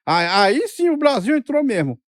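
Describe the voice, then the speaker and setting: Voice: medium pitch, sing-song, moderate pace, no echo, studio quality. A co-host making sarcastic, mocking asides in political commentary.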